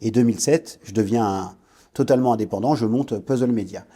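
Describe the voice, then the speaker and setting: In a warm, fairly low voice and at a brisk pace, a French Guianese businessman in his forties looks back on his career during a podcast interview. His storytelling is marked by frequent pauses to hesitate and restart.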